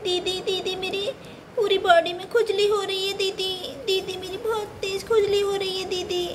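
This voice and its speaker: A woman's voice: very high-pitched, little pitch movement, normal speed, background noise, voice pushed up. A woman voicing a small, timid girl doll who pleads and whines, in a doll-play story. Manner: whiny, pleading.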